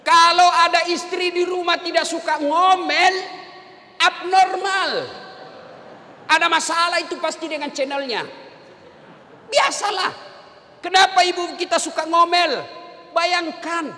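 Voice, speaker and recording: A man's voice: very high-pitched, fairly even intonation, measured pace, pauses often, sharp tone, in a large hall. A male preacher giving a humorous sermon, speaking straight to the men in his audience. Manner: jokey, addresses the men in the audience directly.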